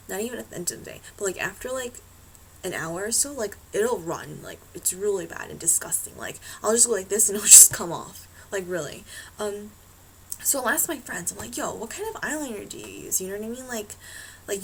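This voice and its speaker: A woman vlogs into her laptop webcam at home with a gravelly, fry-laced voice. She rambles loosely, swears freely and leans on endless fillers. Her pitch sits in a middle range. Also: a little hiss or hum, poor audio. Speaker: beauty vlogger. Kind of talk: casual chat to camera.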